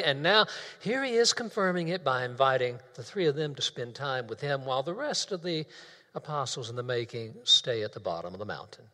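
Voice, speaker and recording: A man preaching a sermon in a church, speaking in a measured way and repeating key phrases for emphasis. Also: mid-range voice, pushed and bright. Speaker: pastor. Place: church sanctuary. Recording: long reverb of a church hall.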